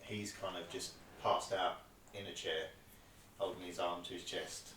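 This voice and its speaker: A man's voice: low voice, fairly even intonation, a little slow, a bit bright. Man game-mastering from across a roomy space. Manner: loose, conversational describing with fillers. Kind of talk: narrating a tabletop game. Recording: roomy, distant mic, faint noise.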